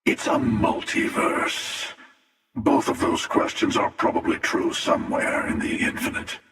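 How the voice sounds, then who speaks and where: A man playing The Hunter, a cynical, menacing older villain in a video game, with a breathy rasp and a slow, sardonic, world-weary delivery. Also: a bit bright. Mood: cynical musing. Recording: long echoing reverb, distant from mic.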